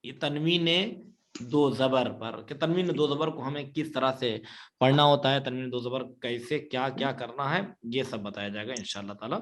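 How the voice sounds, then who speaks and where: A man teaching Quran reading in an online class. He patiently repeats each rule, keeps checking that his students follow, and recites the Arabic examples slowly. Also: medium pitch.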